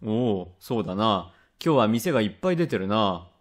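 A man voicing a rough, quick-tempered father from old Edo, speaking blunt old Edo Tokyo speech in a rakugo tale. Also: on the low side, very animated, voice pushed down. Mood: gruff. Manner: gruff, blunt, grumbling. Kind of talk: rakugo storytelling.

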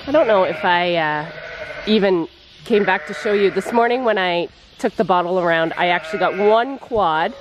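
A woman's voice: on the low side, moderate pace. A woman farmer in her forties vlogging casually to a handheld camera in a large sheep barn, chatty and tired, often restarting her sentences. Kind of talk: casual vlog talk to camera. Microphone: handheld camera at arm's length. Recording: noisy barn with sheep bleating. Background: bleating sheep and barn noise.

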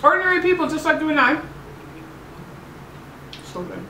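A woman from Southern California talking while eating, chatty and earnest, her words a little thick around the food. She sounds set back from the mic in an echoey room, with steady noise underneath. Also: high-pitched, a little slow, recorded from a distance. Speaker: mukbang vlogger. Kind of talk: casual chat to camera while eating.

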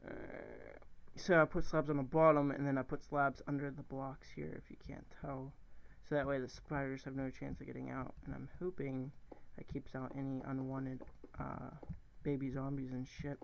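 A man's voice: mid-range voice, little pitch movement, moderate pace, vocal fry, a little hiss or hum, low-quality recording. A young man casually commentating his own gameplay, rambling and thinking aloud, often correcting himself and swearing casually. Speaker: gaming channel host.

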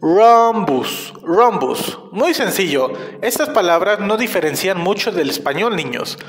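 A young man with a Mexican Spanish accent, teaching kindergarten children in a slow, sing-song voice and repeating each word several times. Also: sits high, sing-song, fairly bright tone. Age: young adult. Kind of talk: recorded lesson for kindergarten children. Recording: echoey, roomy reverb.

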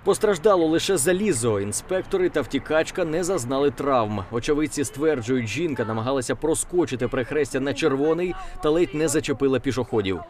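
A man's voice: medium pitch, darkish tone, slight background noise. A man narrating a news report as a formal, scripted voice-over. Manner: measured, formal.

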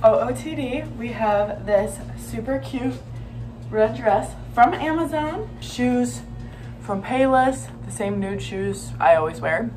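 A woman's voice: on the high side, expressive, slow, poor audio. A young woman chatting casually and gushingly to her vlog, in a bubbly sorority-girl manner, on a phone held at arm's length. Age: young adult. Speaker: sorority member vlogger. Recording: phone vlog with music underneath. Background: background music.

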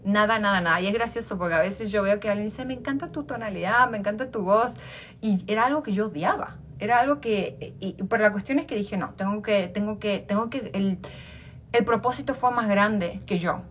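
A woman's voice: medium pitch, fairly quick, a little hiss or hum. A woman with an Argentine accent, a life coach giving an informal motivational talk, repeating herself and restarting phrases. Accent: Argentine Spanish. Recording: dull lo-fi sound.

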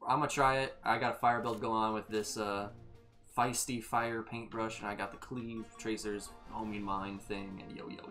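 A man's voice: lowish voice, level tone, moderate pace. Joking young man gaming with a buddy. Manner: joking, laughs often, jumps to loud outbursts. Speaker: gaming channel co-host. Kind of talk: casual gameplay banter. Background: game music.

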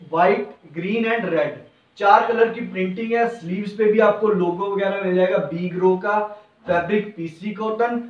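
A young man presenting T-shirts in a clothing shop, with an eager, repetitive salesman patter and a lapel mic. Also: high-pitched. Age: young adult. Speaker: garment seller presenting stock. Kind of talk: product showcase sales pitch. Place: indoor clothing shop with hanging racks. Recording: roomy, dull, slightly distant.

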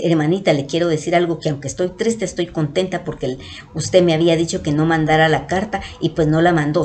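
A Guatemalan woman vlogger telling a story to her followers, affectionate and animated, acting out the people she quotes. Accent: Guatemalan Spanish. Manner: affectionate, calls listeners "mis amores"; animated, acts out quotes with big pitch jumps.

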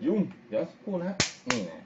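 A man giving a casual live-stream guitar lesson, explaining step by step and counting scale degrees aloud. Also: fast. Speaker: guitar teacher. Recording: slightly dull live-stream audio with guitar music. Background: guitar playing and backing track.

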